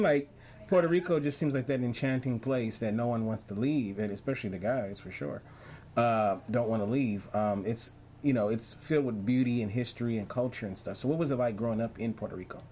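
A man's voice: medium pitch, fairly quick, slight background noise. A man hosting an online talk show, chatting casually with lots of fillers and restarts. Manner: relaxed, rambling with many fillers. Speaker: podcast host. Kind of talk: casual interview chat.

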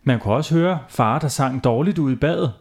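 A man narrating a playful children's bedtime story, animated and laughing at his own jokes. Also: medium pitch.

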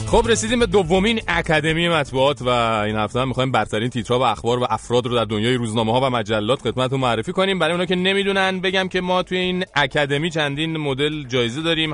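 A man's voice: mid-range voice, a bit bright. A man with an Iranian Persian accent presenting a scripted satirical press review as host, in a colloquial, mock-formal manner.

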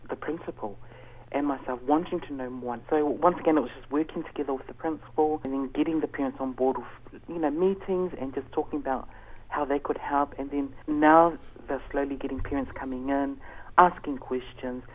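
Low-pitched man on a tinny phone line. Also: fairly even intonation, a little fast. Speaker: interview guest, education facilitator. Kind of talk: conversational interview answers.

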